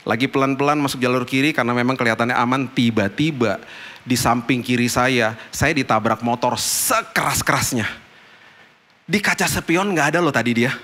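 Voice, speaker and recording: A middle-aged man, a pastor preaching a storytelling sermon and acting out the dialogue with big swings in pitch. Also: normal speed, bright, forceful tone.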